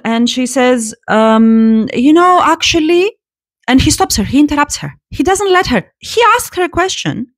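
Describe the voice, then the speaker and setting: A woman offers casual spoken commentary to her audience, animated and given to repeating words and restarting phrases. Her voice is on the high side, captured in clean studio sound with no echo.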